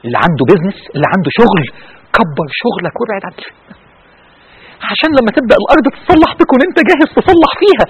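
A man's voice: sits high, lively intonation, very fast, husky, lo-fi sound. A man with an Egyptian Arabic accent preaching a sermon, impassioned and pleading, his voice at times breaking with emotion.

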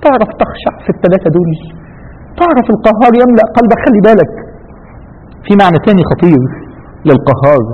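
A man with an Egyptian accent preaching a sermon, fervent and full of rhetorical questions, with a husky voice. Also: high-pitched, sing-song, quick pace, long pauses. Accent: Egyptian Arabic. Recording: dull radio broadcast with long hall reverb.

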